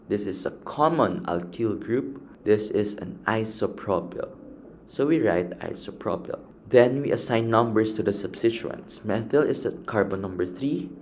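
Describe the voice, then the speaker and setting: A man teaches in an unhurried, careful way, walking through each step and counting items one by one. His voice sits on the low side. A faint hiss runs under the recording. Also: a little mellow. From Philippines. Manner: slow, patient, counts items aloud. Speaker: chemistry teacher. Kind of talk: step-by-step classroom explanation.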